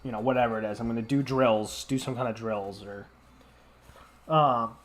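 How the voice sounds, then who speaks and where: A man's voice: medium pitch, fairly even intonation, normal speed. Sick young man rambling casually. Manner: rambling, heavy filler words, profane. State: sick, congested. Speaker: streamer. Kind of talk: casual rambling stream chat.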